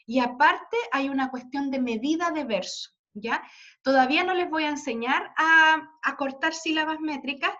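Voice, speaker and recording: High-voiced woman teaching a class. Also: bright, forceful tone. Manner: checks understanding often with tag questions; patient, spells out examples slowly. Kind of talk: classroom lesson explaining poetry. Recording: dull lo-fi recording.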